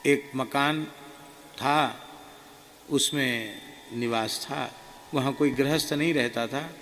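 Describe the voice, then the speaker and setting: A man, a monk, telling of a spiritual experience in a slow, earnest, subdued way. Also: mid-range voice, fairly bright tone. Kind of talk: devotional storytelling. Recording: reverberant hall, faint ambient noise.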